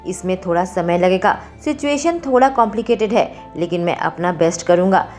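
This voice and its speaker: A woman's voice: on the low side, lively intonation, moderate pace, a little mellow, close to an everyday voice. A woman voicing a dutiful male secretary who speaks politely, in a storybook reading, with faint music behind.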